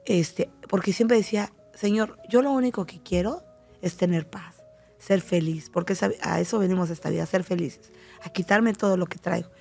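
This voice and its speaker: A middle-aged woman with a Mexican accent, talking as a guest on a talk show and telling personal stories with lively, acted-out quotes. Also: on the low side, normal speed, creaky, soft background music. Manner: animated storytelling, acting out quoted voices. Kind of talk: casual talk show conversation.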